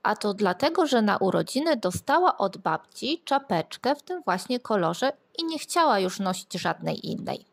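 A woman reading a fairy tale aloud to children, expressive and lilting, sometimes asking the listeners questions. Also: medium pitch, moderate pace, vocal fry, few pauses. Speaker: storyteller.

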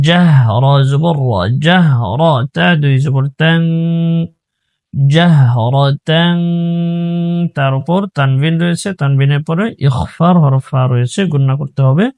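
Quran teacher, Bangladeshi man, drawn-out chanting and letter-by-letter drills, smooth clear voice, dry close sound. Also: a little high, a little mellow, no echo. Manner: chants verses slowly, then explains pronunciation rules rapidly. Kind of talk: slow recitation lesson with spelling drills.

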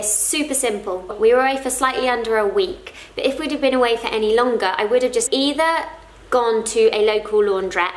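A woman's voice: fairly high pitch, echoey room. A woman in her thirties talking casually to the camera at home, sharing practical tips in a chatty, friendly way. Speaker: parenting vlogger. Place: living room at home, indoors. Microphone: camera in front at close range.

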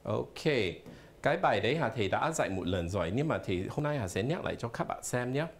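A man's voice: mid-range voice, animated, fast. A man teaching a live televised language lesson in a studio, explaining patiently and spelling words out letter by letter. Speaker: English teacher.

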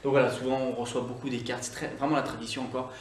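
A man hosting a video English lesson, upbeat, repeating English words slowly to model pronunciation, recorded by the camera from a few feet away indoors. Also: mid-range voice, flat delivery. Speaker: English teacher and channel host. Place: indoor room, moving in and out of camera frame. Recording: echoey room, voice from a distance, faint background noise.

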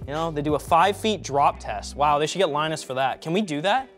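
A man's voice: fairly high pitch, lively intonation, fairly quick, a bit bright, soft background music. Upbeat young man hosting an unboxing. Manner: upbeat, joking, thinks aloud while handling the product. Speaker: tech unboxing host. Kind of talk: casual unboxing commentary.

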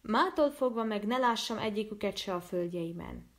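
Shrill scolding village woman, furious, loud, read by a woman, storybook voice. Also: expressive, close to an everyday voice.

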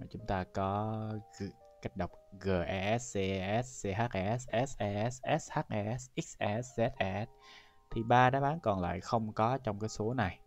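A man from Vietnam teaching English, walking a class through an entrance exam step by step and speaking straight to the students. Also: on the low side. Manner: explains step by step, addresses class directly. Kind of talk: exam-prep lesson walkthrough.

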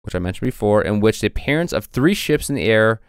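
A man's voice: lowish voice, lively intonation, quick pace, clean tone, dry recording, studio quality. A man co-hosting a casual podcast, reading passages from old texts with frequent fillers. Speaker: podcast co-host presenting research.

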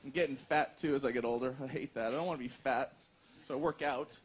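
A man doing a stand-up comedy set on stage, with animated, self-mocking, punchy delivery. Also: medium pitch, fast talker, breathy edge. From Canada. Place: comedy stage before a live audience. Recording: live show with audience laughter and noise.

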